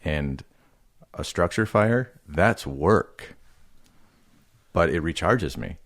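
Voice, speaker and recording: A man's voice: deep voice, lively intonation, slow, a bit bright. A man hosting a casual ministry podcast discussion, easygoing and asking his co-hosts questions.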